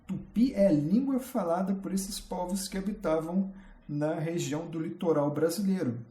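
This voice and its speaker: A man with a Brazilian Portuguese accent teaching a casual history lesson, chatty and full of rhetorical questions, pausing to admire his slides. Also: a little high, dark tone. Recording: roomy echo.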